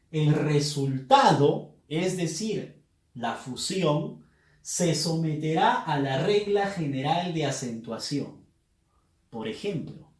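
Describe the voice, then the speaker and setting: A man giving a Spanish spelling lesson, speaking slowly and with emphasis, like a teacher addressing his students. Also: a little high, darkish tone. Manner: slow, emphatic teaching delivery. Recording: echoey room.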